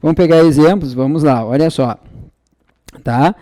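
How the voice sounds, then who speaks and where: Male teacher, slightly high, dry close sound, acts out student questions. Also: normal speed, dark tone, dry recording. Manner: explains step by step, checks in with frequent tag questions. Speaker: exam-prep Portuguese teacher. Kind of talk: online lesson.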